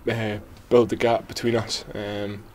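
A man's voice: fairly low pitch, level tone, a little slow, slight background noise. A young man, answering post-match interview questions with many ums and restarts. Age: 20s. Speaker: footballer. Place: small indoor press area before sponsor board.

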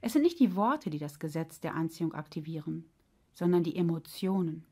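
A woman voicing a wise, patient heart that explains things gently and sometimes grumbles. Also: sits low, lively intonation, fairly quick.

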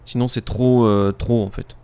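A man streaming a live game, joking crudely and bursting into excited outbursts as he plays. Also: on the low side, unhurried, clear, resonant tone. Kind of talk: live gaming commentary.

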